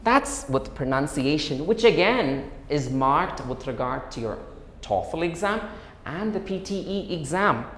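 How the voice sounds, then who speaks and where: A man's voice: fairly high pitch, expressive, a little slow, fairly bright tone. A man, an exam trainer giving encouraging, practical speaking tips straight to the viewer. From India. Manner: encouraging, addresses the viewer directly with practical advice. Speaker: IELTS trainer. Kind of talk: instructional talk to camera. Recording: echoey room.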